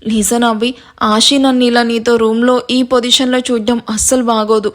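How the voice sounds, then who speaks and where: A woman storyteller voicing a charming young man who speaks in a soft, hushed way. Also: on the high side, level tone, normal speed, lightly acted.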